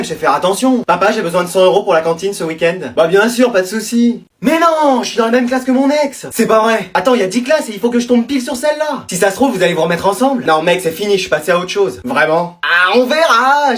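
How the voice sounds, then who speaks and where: Sketch performer, multiple comic roles, brisk teasing exchanges. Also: medium pitch. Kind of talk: comedy sketch acting.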